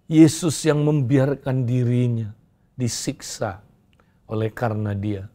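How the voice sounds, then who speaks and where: A male pastor, preaching a sermon slowly and deliberately. He often turns to his listeners and tells a story, giving its people voices. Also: mid-range voice, fairly even intonation, dark tone.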